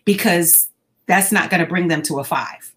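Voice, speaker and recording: Calm, laughing woman guest. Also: on the low side. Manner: calm, measured, laughs often while talking. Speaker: school staff working with students. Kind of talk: casual interview conversation.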